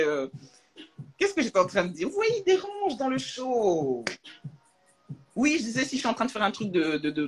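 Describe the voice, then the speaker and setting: A young adult woman chatting casually on a live stream from her room at home, animated and slangy, full of jokes and asides. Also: mid-range voice, husky, poor audio. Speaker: social media creator on a live stream. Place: at home, in a room with a closed door.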